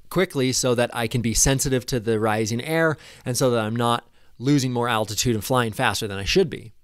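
Excited man narrating his flight. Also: mid-range voice, no echo, clean studio sound. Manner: enthusiastic, casual, swears when excited. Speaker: paragliding vlogger. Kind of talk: flight-report commentary over map replay. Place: small indoor room at a desk. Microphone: desk microphone in front.

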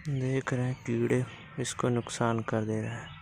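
In casual village vlog narration, a young man shows his garden outdoors and calmly explains what he does there. He speaks at a moderate pace in a mid-range voice with some vocal fry, against noisy outdoor surroundings.

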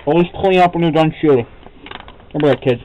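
A young man joking with friends in a basement, excited and playful. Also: a little high, fast. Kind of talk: casual joking among friends. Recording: tinny lo-fi camcorder with loud noise.

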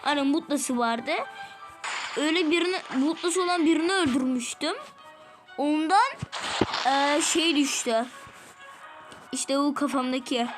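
Turkish woman, gaming host, high voice, excitable running commentary, game music loud underneath. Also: measured pace, long pauses, low-quality recording. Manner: excitable, talks to viewers, groans and exclaims at the game. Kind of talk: let's-play gameplay commentary.

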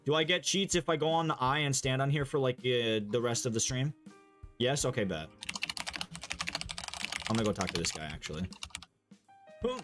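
A young man chatting casually as he streams a game, sweary, slangy and excitable. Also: medium pitch. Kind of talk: casual gaming commentary chat.

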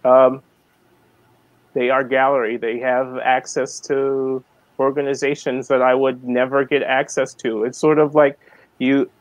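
A man of forty from the American South, a guest artist talking slowly and hesitantly on a video call, with many ums. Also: mid-range voice, little pitch movement, dry recording, poor audio. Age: 40s. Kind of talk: casual video-call interview.

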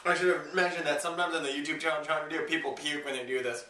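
A man's voice: fairly high pitch, steady tone, racing, sharp tone. A man chatting casually to camera in an informal, self-deprecating, joking way as a challenge vlogger. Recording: roomy echo, distant microphone.

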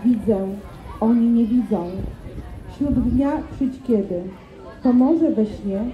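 A woman reciting the part of a young village girl grieving her dead lover, slow and pleading, in a roomy school hall. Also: a little high, narrow, tinny audio, a faint crowd. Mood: distraught. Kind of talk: poetry recitation.

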